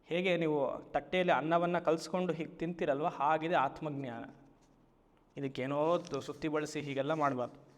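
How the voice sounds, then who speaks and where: A man, a spiritual teacher giving a Vedanta discourse, who stretches key phrases slowly and keeps asking his listeners rhetorical questions. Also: a little high, steady tone, long reverb tail. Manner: slow, drawn-out emphatic phrases and frequent rhetorical questions.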